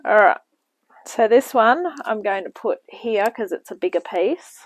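A woman's voice: mid-range voice, animated, measured pace, no echo, low-quality recording. Chatty woman cooking in her kitchen. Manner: chatty, rambling asides while cooking. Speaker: cooking show host. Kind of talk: casual cooking demonstration. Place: home kitchen, indoors. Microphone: camera mic, off-screen speaker at the bench.

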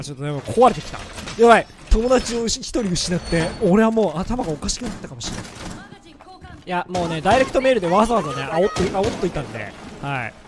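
A man in his twenties giving joking, self-mocking commentary over his gameplay. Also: high voice. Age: 20s. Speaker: gaming video creator.

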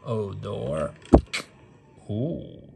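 A mobile game streamer with a lowish, gravelly voice gives casual gameplay commentary, speaking very slowly and expressively. He's playful and repetitive, repeating words and phrases in non-native English, with game music in the background.

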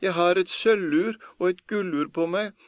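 A man voicing a frightened parish priest who begs in a shrill, panicky voice. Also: no room sound, muffled recording, natural voice. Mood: begging. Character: frightened middle-aged male parish priest, pleading.

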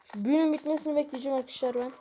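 A woman's voice: high-pitched, steady tone, rapid-fire, dark tone. A woman giving casual let's-play commentary, exasperated and grumbling at the game while talking straight to her viewers. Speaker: gaming video creator.

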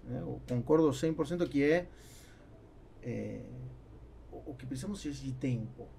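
A businessman whose first language is Spanish gives conversational answers as a podcast guest, his gravelly, medium-pitched, animated voice halting as he searches for words. He's recorded in a small foam-lined podcast studio on a boom-arm studio microphone, though the background is noisy.

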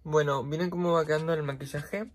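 This vlogger, a young woman with a Rioplatense accent, does her makeup while recounting a dramatic story in slangy terms, alternating loud outbursts with low asides. Her delivery is brisk with fairly even intonation, and music plays in the background.

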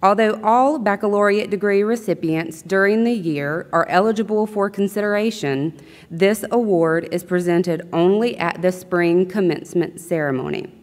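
A young woman presenting an academic award, reading clearly from a script into a podium microphone in a large arena. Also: medium pitch, normal speed. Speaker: university vice president presenting an award. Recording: long reverb of a large hall.

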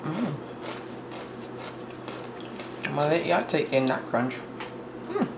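Low-voiced woman talking while chewing. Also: normal speed, vocal fry, background noise. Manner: relaxed, advice-giving. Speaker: mukbang host. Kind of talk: casual chat to viewers. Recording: echoey room.

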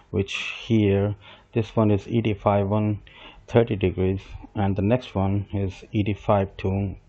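A middle-aged male software instructor talks over a screen-recorded tutorial at his desk, his voice low and soft-toned. He is patient, going step by step as he works with small restarts and self-corrections, and the desk mic sounds muffled, dull and lo-fi.

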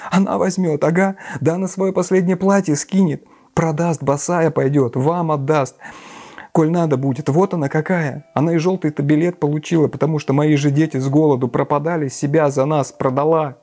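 Man voicing a hoarse, shrill widow in an audiobook, frantic and pleading, voice pushed high. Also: fairly even intonation, fairly quick. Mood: desperate pleading. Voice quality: hoarse, shouting. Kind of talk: audiobook character reading.

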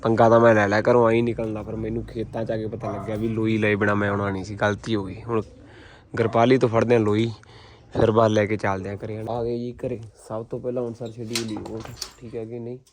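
A man's voice: lowish voice, completely flat delivery, fast talker, few pauses. A man with a Punjabi accent vlogging casually in an earthy, colloquial way, swearing now and then as he rambles to his viewers. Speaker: vlogger, pigeon keeper. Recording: clear background noise with birds.

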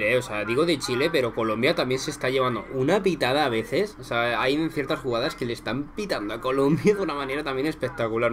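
A young Spanish-accented man from Spain, with a medium-pitched voice, reacts to a football match live. Excitable and swearing freely, he yells at goals, mutters the rest of the time, and addresses viewers as friends.

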